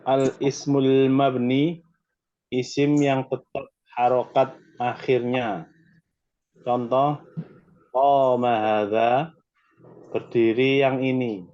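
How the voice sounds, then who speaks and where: A man's voice: mid-range voice, little pitch movement, takes it slowly, pauses often, a little mellow, dry recording. A man, a student, reading an Arabic textbook aloud carefully in a lesson. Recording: dull, dry lo-fi sound.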